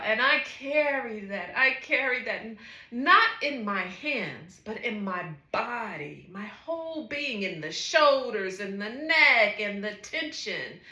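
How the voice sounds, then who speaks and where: Slow, lilting woman in an echoey room. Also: on the high side. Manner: slow, breathy, lilting delivery with soft exclamations. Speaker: psychotherapist and wellness coach. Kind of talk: spoken-word monologue.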